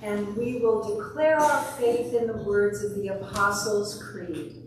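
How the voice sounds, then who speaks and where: A woman leading the congregation in a creed and prayers at a pulpit microphone in a church, in a measured, prayerful way. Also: mid-range voice, recorded from a distance, a little hiss or hum. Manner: measured, prayerful recitation with a repeated call of "Hear us, O God". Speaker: worship leader. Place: large church sanctuary. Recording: very echoey church, voice well off the mic.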